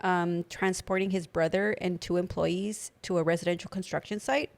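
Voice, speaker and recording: A woman's voice: on the low side, fairly even intonation, normal speed, creaky. A young woman co-hosting a podcast in casual chat, talking with a slight lisp from new dental aligners and lots of filler words. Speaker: podcast co-host.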